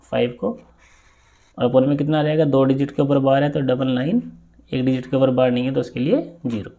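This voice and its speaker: Guy teaching maths for exams, mellow voice, keeps checking u got it. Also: mid-range voice, fairly quick, vocal fry. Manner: steady step-by-step explaining with frequent check-in questions. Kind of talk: exam-prep maths lesson.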